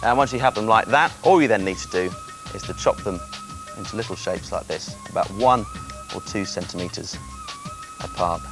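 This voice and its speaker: A man's voice: on the low side, normal speed, music in the background. A man presenting a children's TV cooking demonstration, chatty and explaining step by step.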